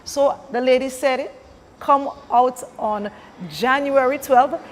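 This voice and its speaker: A woman's voice: high-pitched, takes it slowly. A woman hosting a live pageant interview and addressing viewers. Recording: reverberant hall, faint background noise.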